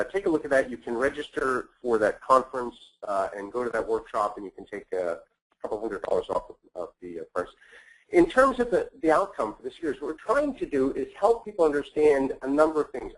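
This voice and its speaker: A man hosting and presenting a business webinar, speaking in a measured way with frequent filler words. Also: medium pitch, poor audio. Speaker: webinar host.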